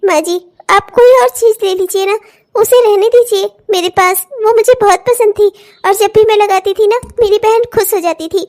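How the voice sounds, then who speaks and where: A woman's voice: extremely high pitch, moderate pace. Woman voicing a meek young bride, pleading. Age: young adult. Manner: soft, pleading and put-upon. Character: meek, newly married young wife. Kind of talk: cartoon voice acting.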